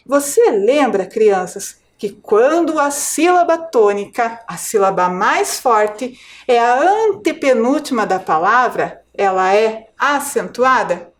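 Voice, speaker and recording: A woman teacher with a Brazilian Portuguese accent giving a televised lesson to children, explaining slowly and clearly, syllable by syllable, and checking in with questions. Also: on the high side, animated. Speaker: primary school teacher.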